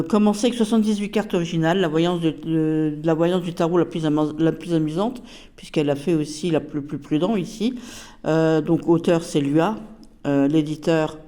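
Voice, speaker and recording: A woman's voice: deep voice, fairly even intonation, moderate pace, dark tone. A woman casually reviewing a tarot deck, chatty and hesitant with many fillers.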